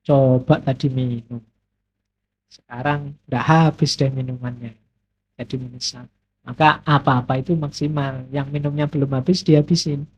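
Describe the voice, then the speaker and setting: A middle-aged man, giving a relaxed, joking philosophy lecture with playful everyday examples. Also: mid-range voice, moderate pace, slightly rough. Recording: dull lo-fi lecture recording.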